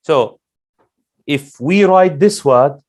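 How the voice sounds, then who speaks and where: A male Quran teacher leading a classroom lesson, slowly drilling letter sounds and asking the class questions. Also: on the high side, animated, darkish tone.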